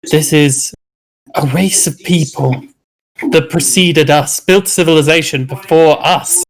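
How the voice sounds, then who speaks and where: A man plays a tabletop game, speaking in character as a thoughtful scholar. His voice sits a little high for a man. He muses through his points at an unhurried pace. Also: a little hiss or hum, rough recording. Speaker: player.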